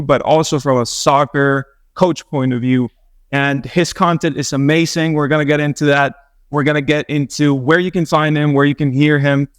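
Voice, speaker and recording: This podcast host interviews a guest in person, speaking effusively and enthusiastically into a handheld mic and dropping in the occasional Spanish phrase. His voice is smooth and on the high side, captured at studio quality with no room sound.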